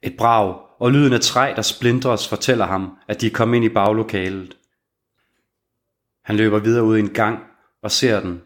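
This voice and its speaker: Male thriller narrator, lowish voice. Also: fairly even intonation. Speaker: audiobook narrator.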